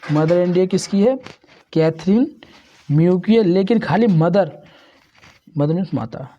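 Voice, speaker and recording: A man's voice: fairly high pitch, mellow, muffled recording. A man giving an exam-prep lesson as a tutor, repeating each answer and often calling the listeners friends.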